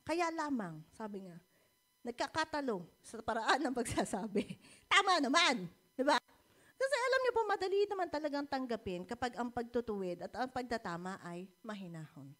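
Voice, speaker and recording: A woman's voice: a little high, moderate pace. A woman with a Filipino accent preaching a church sermon, mixing Tagalog and English, often asking the congregation "di ba?" and laughing between points. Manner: animated, often asks the congregation "di ba?".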